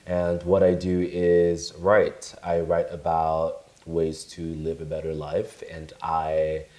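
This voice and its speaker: A young man from Nigeria speaks in a remarkably low, mellow voice. He answers interview questions in a calm, reflective, humble way. The sound is recorded in an echoey room. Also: takes it slowly. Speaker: guest, menswear blogger. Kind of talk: casual interview chat.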